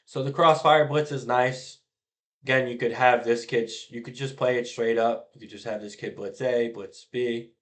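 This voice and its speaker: In a steady, mid-range voice at a moderate pace, a middle-aged man coaching youth football explains blitz schemes from a diagram. He keeps it casual, with his phrases frequently trailing off quietly at the end.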